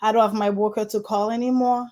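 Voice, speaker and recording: A woman's voice: mid-range voice, level tone, fast, warm tone. A woman from Haiti, a realtor guest in an interview, telling her story in an earnest way, with slightly non-standard phrasing. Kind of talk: conversational interview.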